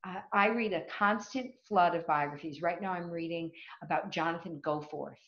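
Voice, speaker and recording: A woman's voice: lowish voice, moderate pace, a bit bright, roomy sound, muffled recording. A woman guest telling stories vividly in conversation, acting out the people she quotes. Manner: vivid storyteller who acts out quoted voices. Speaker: guest speaker on children's reading. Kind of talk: animated storytelling in conversation.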